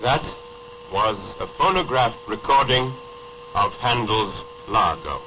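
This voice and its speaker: A man's voice: fairly low pitch, slow. A man playing an early radio inventor addressing ships at sea, speaking formally, heard over AM radio with a hum. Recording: muffled radio with loud hum.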